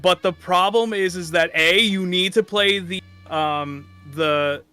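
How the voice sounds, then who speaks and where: Rambling man with a raised pitch. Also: unhurried, bright, forceful tone, clear, resonant tone, faint music behind. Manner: rambling, full of fillers, laughs and swears. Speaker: streamer and voice actor guest. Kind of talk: casual interview chat.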